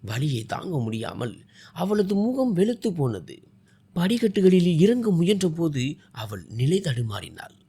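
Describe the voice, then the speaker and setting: Husky man reading a family story. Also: on the high side, a little slow. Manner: expressive dramatic reading. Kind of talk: scripted story narration.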